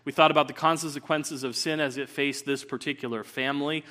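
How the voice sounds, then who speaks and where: An earnest male pastor preaching at a pulpit microphone in a church sanctuary. He leads prayer and reads scripture at a measured pace, filling pauses with an occasional "uh" as he sets up his text. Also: fairly high pitch, steady tone, bright, forceful tone. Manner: earnest, measured delivery with frequent "uh" fillers. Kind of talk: sermon with opening prayer and scripture reading.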